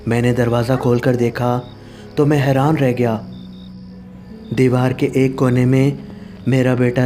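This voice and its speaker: A man's voice: medium pitch, mellow. A man narrating a first-person horror story, telling it in a tearful, anguished way.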